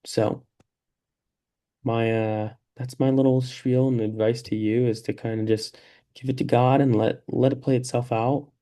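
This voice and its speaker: Dark-toned, encouraging male mentor. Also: medium pitch, little pitch movement, a little slow. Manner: easygoing and encouraging, with many fillers. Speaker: peer mentor in a practice session. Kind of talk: faith-based mentoring conversation.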